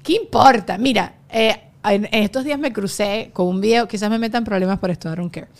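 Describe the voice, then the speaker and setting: Lively Venezuelan woman hosting a podcast. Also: medium pitch. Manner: lively, quick to laugh, fills with "o sea". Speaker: podcast host. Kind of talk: casual podcast chat.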